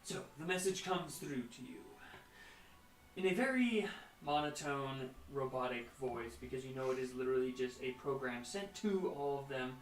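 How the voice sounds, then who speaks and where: A man's voice: medium pitch, animated, moderate pace, far from the mic. A man narrating as game master in a tabletop game, chatty and laughing often. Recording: echoey room, off mic.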